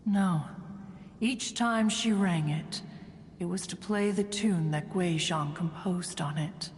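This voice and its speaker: In scripted video game dialogue, a woman voices a proud, aloof, ancient immortal who tells stories in formal, archaic, stately language and calls herself "one." Her lowish voice moves slowly with a wistful, solemn mood, trailed by a long reverb.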